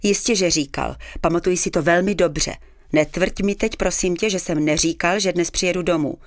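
Stern middle-aged husband, talks quietly and firmly, dry close read, a woman voicing him. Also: lowish voice, no echo, natural voice. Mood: stern reproach. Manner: speaks quietly, firmly and darkly.

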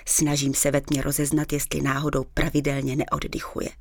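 A woman's voice: low voice, monotone, gravelly, dry recording. A woman narrating a first-person audiobook in a dry, ironic storytelling manner.

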